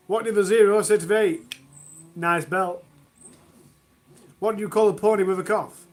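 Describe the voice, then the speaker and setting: High-voiced man reading groaner jokes. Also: steady tone, moderate pace. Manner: self-mocking, groans at own jokes. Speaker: livestream host. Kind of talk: reading jokes on a charity livestream. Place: home.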